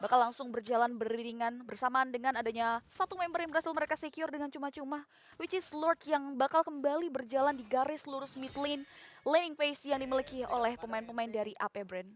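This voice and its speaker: A woman with a high voice and an Indonesian accent co-commentates a live esports match. She explains the state of play in long, wordy phrases sprinkled with English gaming jargon. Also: fairly quick.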